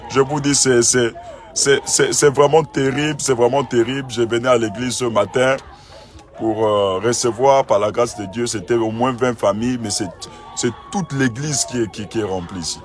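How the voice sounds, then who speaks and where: A man's voice: mid-range voice, moderate pace. A man, a pastor talking outside his church among a crowd, exclaiming and repeating himself in disbelief. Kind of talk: phone video to followers, then addressing a crowd.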